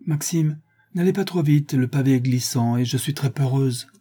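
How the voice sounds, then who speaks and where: A man voicing a calm, devoted young woman who answers with cool, teasing poise. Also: medium pitch, normal speed, breathy edge, voice pushed up, lightly acted.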